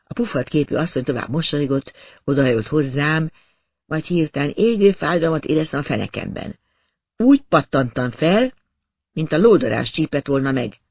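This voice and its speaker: A man narrating a first-person story in a steady, wry way. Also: fairly high pitch, gravelly, husky, no echo.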